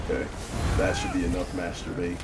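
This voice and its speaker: A man giving excitable, trash-talking live commentary while streaming a game, swearing and bursting into laughter. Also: low-pitched, a little fast. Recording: noisy background.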